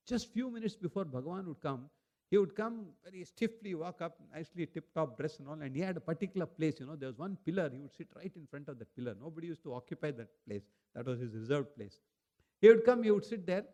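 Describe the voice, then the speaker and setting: A man giving a devotional talk at a spiritual retreat, telling personal stories in a conversational way and chanting verses slowly before explaining them. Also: on the high side, dark tone. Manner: conversational storytelling with fillers like "you know". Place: retreat hall.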